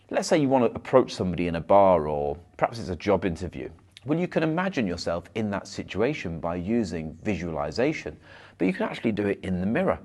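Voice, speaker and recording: Male hypnotherapist, low-pitched, fast and slightly stumbling self-help delivery to camera. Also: darkish tone. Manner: rushes his words, occasional stumbles and repeats. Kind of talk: motivational advice monologue to camera.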